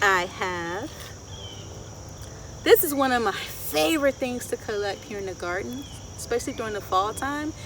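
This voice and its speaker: Outdoors in a wooded garden, a woman in her thirties with a mid-range voice presents to young children, asking questions in a melodic, expressive way as their story time host and garden educator. Insects and other outdoor sounds are clearly audible.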